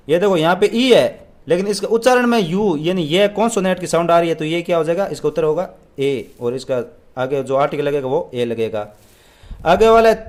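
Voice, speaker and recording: A young man teaching an English exam paper, asking questions and answering them himself, reading the English lines out slowly. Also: fairly high pitch. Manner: asks and answers own questions.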